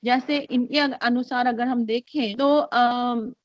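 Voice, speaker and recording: Slow, hesitant woman lecturing over a call. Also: a little high, fairly even intonation. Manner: slow, hesitant delivery with many fillers, mixing Hindi and English. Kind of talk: online lecture. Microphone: computer mic on a video call. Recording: dry, dull lo-fi call audio.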